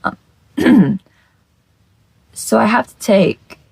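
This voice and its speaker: With a croaky, just-out-of-bed voice, a makeup creator talks loosely to camera, scatterbrained and sweary, circling back to the same phrases. The voice is mid-range and animated, with drawn-out words and no echo.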